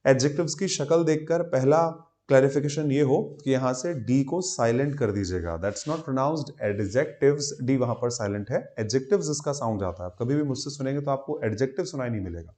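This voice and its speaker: A man's voice: medium pitch, animated, a little fast, few pauses, warm tone. A male English grammar teacher with an Indian accent, giving a live online class and mixing Hindi and English as he explains. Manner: explains in a Hindi-English mix, greets students by name.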